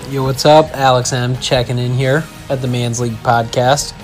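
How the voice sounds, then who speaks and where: A man's voice: mid-range voice, steady tone, moderate pace, faint music behind. A man hosting another podcast, sending in an upbeat, punchy sports prediction. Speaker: podcast host guest. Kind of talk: recorded sports prediction message.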